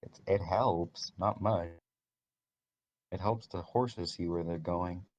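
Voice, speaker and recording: A man narrating as game master of a tabletop game, laid-back and halting, often restarting his sentences. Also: low-pitched, a little mellow, no echo. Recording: dull lo-fi mic with faint hiss.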